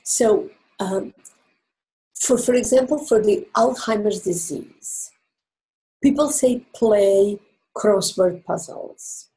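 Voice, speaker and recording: Here a woman of medium pitch and warm tone appears on a rough recording. She is a native Croatian speaker with a matching accent, earnestly explaining her relationship advice as an interview guest and pausing for emphasis.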